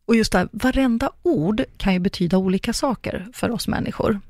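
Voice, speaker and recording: A middle-aged woman talks through her ideas as a coach, acting out little example exchanges as she goes. Her voice has a gravelly edge at a medium pitch. The sound is close and dry. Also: darkish tone, dry recording. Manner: chatty, explains with acted-out example dialogues. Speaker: coach and communicologist guest. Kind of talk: casual podcast conversation.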